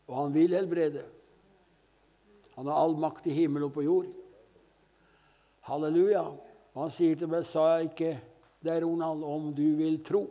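An older male evangelist preaches with fervour, his fairly high voice carrying a gravelly edge. His tone is dark and mellow, and he tells his stories with frequent hallelujahs. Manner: fervent storytelling, frequent hallelujahs. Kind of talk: sermon. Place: church meeting.

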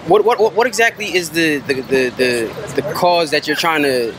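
A man's voice: fairly high pitch, lively intonation, normal speed. A man hosting a street interview, asking casual questions and stumbling over his words. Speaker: host. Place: city street outdoors. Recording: street traffic noise behind. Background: traffic and city ambience.

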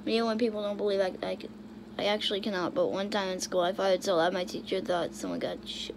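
A young woman YouTuber with a fairly high-pitched voice reacts casually to funny videos over some background noise. She bursts into shrieks and then mutters to herself.

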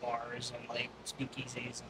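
A man, a food truck owner speaking casually as a guest, quick and filler-heavy. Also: mid-range voice, completely flat delivery. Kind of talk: casual interview. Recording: crowd noise behind.

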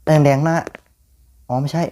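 A young man giving jumpy, excitable commentary on a horror game, often repeating words when startled. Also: moderate pace, slight background noise. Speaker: gaming YouTuber.

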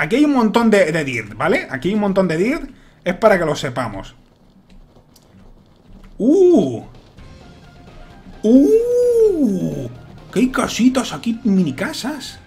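Guy playing a game, high voice, jumpy and shouty, little bit of music underneath. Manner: excitable, shouts and repeats words when nervous. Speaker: gaming YouTuber. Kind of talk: Let's Play commentary. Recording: faint music behind.

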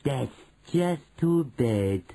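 A storyteller voicing an imperious, venomous witch leader in a children's storybook, with drawn-out, screeching commands. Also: mid-range voice, expressive, dark tone, voice pushed up. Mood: dismissive.

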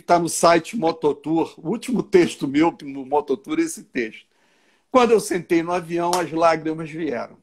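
Animated storytelling Rio man. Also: a little high. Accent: Rio de Janeiro Portuguese. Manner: animated, acts out dialogue with voices. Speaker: interview guest. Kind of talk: casual storytelling. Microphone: video call.

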